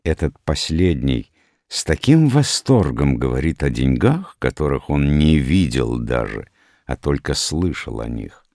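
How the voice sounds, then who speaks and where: Storybook parable: a calm, wise old king with a deep measured voice, voiced by a man. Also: no echo, studio quality, full character voice. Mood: judging.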